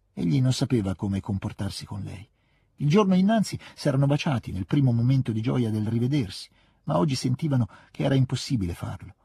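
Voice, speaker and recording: Husky-voiced man reading a novel aloud. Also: mid-range voice, no echo. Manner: steady, expressive reading. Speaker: audiobook narrator. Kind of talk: scripted literary narration.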